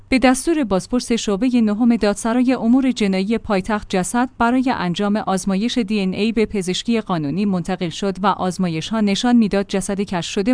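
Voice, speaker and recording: A woman reading a crime news report in a measured, formal narration. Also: medium pitch, a little mellow, clear, resonant tone, no echo.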